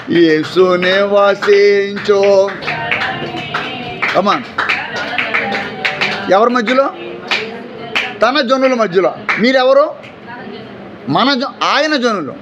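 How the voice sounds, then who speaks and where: A man's voice: very high voice, fairly bright tone, dull audio, slight background noise. A man preaching a fervent sermon in a church, asking rhetorical questions and calling out hallelujah. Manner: acts out everyday people in short quoted asides. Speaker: pastor. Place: church during an afternoon service.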